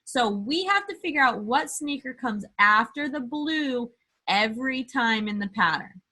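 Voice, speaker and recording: A woman teacher with a bright, clear-cut voice leads little children through a lesson. She speaks slowly and deliberately, as if to a toddler. She puts emphasis on key words and leaves pauses after simple questions. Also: a little high, expressive. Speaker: early-grade teacher. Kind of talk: remote math lesson for young children. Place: indoor room, screen-share lesson.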